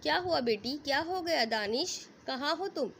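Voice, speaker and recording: A woman's voice: sits high, expressive, creaky, a bit bright, a little hiss or hum, full character voice. A woman voicing a protective mother who cries out and scolds. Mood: alarmed. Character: anxious, protective mother of the groom.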